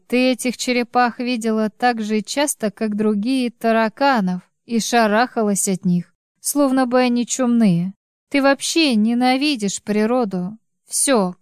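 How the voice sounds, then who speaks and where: Calm teasing husband on the phone, woman reading him, smooth, dry close sound. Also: a little high, dry recording, close to an everyday voice. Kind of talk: audiobook reading.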